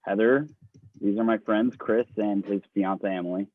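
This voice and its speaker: A man's voice: fairly low pitch, fairly even intonation, moderate pace, slight background noise, natural voice. An actor reading a nervous, heartbroken young male singer-songwriter over a video call, hesitant and self-conscious. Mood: awkward friendly. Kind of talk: live online screenplay reading. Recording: tinny phone-like call audio.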